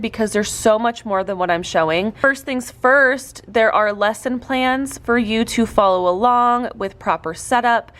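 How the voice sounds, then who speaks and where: Young female teacher, casual tutorial delivery, upbeat and chatty, mid-pitched voice. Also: a bit bright. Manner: chatty, upbeat, with likes and you-knows. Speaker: teacher and podcast host.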